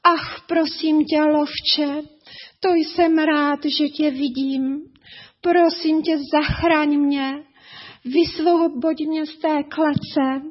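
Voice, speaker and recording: A woman voicing a young male tiger in a storybook tale, pleading in a slow, drawn-out way. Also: high-pitched, steady tone, voice pushed up, natural voice. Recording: dull lo-fi recording.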